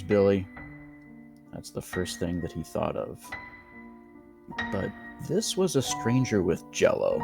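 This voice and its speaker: Creepypasta narrator, slow n theatrical, really animated pitch, faint music under it. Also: creaky. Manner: theatrical, dramatic. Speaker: storyteller. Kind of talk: scripted creepypasta horror narration.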